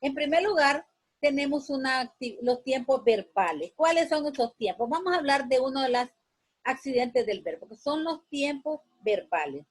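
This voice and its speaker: A woman's voice: sits high, lively intonation, normal speed, breathy edge, low-quality recording. A woman teaching a sixth-grade lesson, patiently repeating each point and giving instructions to students. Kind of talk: classroom lesson.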